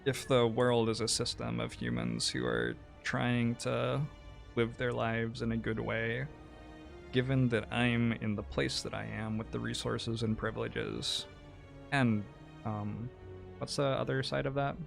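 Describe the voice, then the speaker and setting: A man from New Zealand streams games and chats casually with viewers, sounding thoughtful, hesitant, and musing. His voice is mid-range and gravelly, his pace unhurried, with soft music playing behind him.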